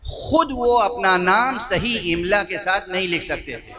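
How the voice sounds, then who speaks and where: A man's voice: high voice, noisy background. An older man preaching a sermon at a majlis, rhetorical and questioning, repeating phrases for emphasis. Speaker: cleric giving a majlis sermon. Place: majlis gathering hall.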